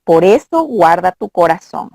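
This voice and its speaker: A woman's voice: on the low side, lively intonation, measured pace, gravelly, dark tone, dry recording. Earnest woman teaching from scripture. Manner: earnest, quotes scripture, mimics voices. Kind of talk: conversational Bible teaching.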